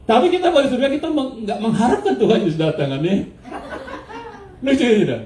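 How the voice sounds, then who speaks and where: A man's voice: extremely high pitch, wildly swooping pitch, fast, darkish tone, roomy sound. A male pastor preaching a sermon, questioning his congregation, laughing often and dropping English words into his speech. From United States.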